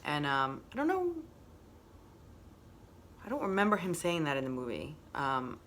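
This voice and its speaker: A woman's voice: deep voice, big pitch swings, normal speed, a bit bright, a little hiss or hum. A woman hosting a casual motivational monologue, reflective and repeating phrases for emphasis. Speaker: host.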